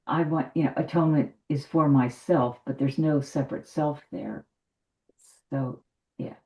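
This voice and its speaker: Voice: medium pitch, steady tone, measured pace, darkish tone, rough recording. A participant in a spiritual discussion group over a video call, asking questions and affirming what others say.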